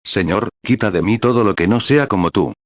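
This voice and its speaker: A man with a very low voice reads a sermon in an earnest, solemn preaching tone. The sound is dry and close, with no room around it. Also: a little fast, dry recording. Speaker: preacher's voice-over translator. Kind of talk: reading a translated sermon.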